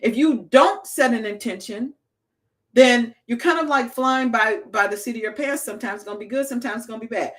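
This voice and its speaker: A woman giving a casual motivational talk to small business owners, telling stories in an animated way and acting out the voices she quotes. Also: on the high side, fairly quick.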